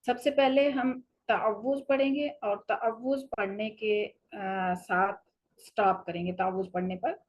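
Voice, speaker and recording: Husky woman teaching Quran recitation. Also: medium pitch, a little mellow, lo-fi sound. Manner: patient, explanatory, slows for recited examples. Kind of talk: tajweed lesson.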